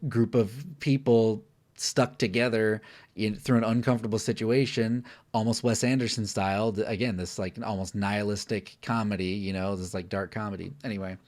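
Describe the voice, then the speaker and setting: A man's voice: on the low side, normal speed. A man co-hosting a casual film review, talking candidly with lots of fillers and restarts.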